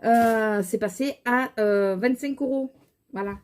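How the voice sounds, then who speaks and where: A woman's voice: on the high side, slow, darkish tone, a little hiss or hum. A woman with a regional French accent, chatting casually to camera about her shopping haul and makeup, rambling with many fillers and sounding tired.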